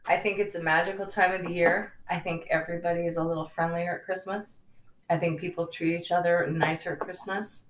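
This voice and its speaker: Woman on a chatty podcast, lowish voice, teasing and laughing, sounds far off in an echoey room. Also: little pitch movement, a little fast, a little hiss or hum. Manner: easygoing, laughs often, teasing. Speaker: podcast co-host. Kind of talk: casual chat. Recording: roomy, distant from the mic.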